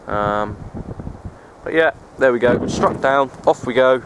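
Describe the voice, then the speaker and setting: Standing on an open, wooded hilltop, a man who vlogs about his radio hobby talks slowly and off the cuff in a mid-range voice. His tone is resigned and understated, and he loops back over what he's already said. The only mic is the one built into the handheld camera he's holding, which picks up faint background noise.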